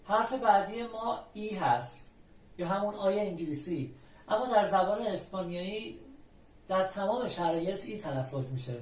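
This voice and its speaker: A language teacher from Iran explains letters patiently and methodically, repeating each example word slowly and clearly. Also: mid-range voice, lively intonation, darkish tone. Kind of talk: explaining the Spanish alphabet step by step. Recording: roomy, from a distant mic.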